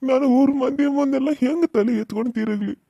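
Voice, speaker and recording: A man's voice: very high-pitched, fast talker, vocal fry, dark tone, slightly rough, no echo, dull audio, full character voice. A man voicing a young village husband in a cartoon serial, speaking North Karnataka Kannada and repeating himself in anguished outbursts. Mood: despairing.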